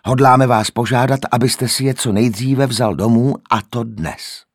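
A man's voice: on the low side, very animated, breathy edge, no echo, clean studio sound, full character voice. A man voicing a stern hospital nurse who speaks firmly and insistently. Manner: stern, firm.

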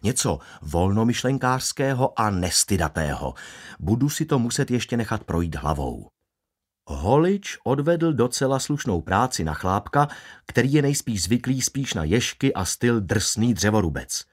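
A man's voice: lowish voice, sing-song, slightly rough. A man narrating a first-person audiobook in a wry, ironic way.

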